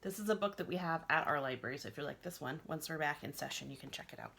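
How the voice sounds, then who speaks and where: A woman librarian with a low, creaky voice talks fast and casually to children, then reads a picture book aloud with animated expression, acting out sounds and lines. There's a slight hiss or hum, and she's in a basement at home.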